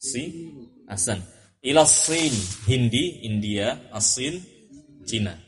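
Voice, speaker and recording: A man's voice: mid-range voice, animated, takes it slowly, faint music behind. A man teaching an Arabic lesson, patiently repeating and correcting each student's answer. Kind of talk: classroom drill lesson.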